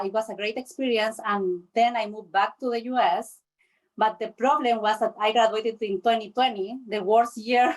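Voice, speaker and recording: Chilean woman, high-pitched and unhurried. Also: rough recording. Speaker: panelist. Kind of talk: online panel talk.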